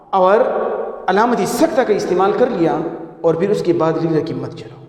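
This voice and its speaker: Male teacher, Pashto accent, patient repetitive lecturing, high voice in a reverberant room. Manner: explains slowly, repeating phrases with examples. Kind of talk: classroom lecture on punctuation. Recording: echoey room with long reverb.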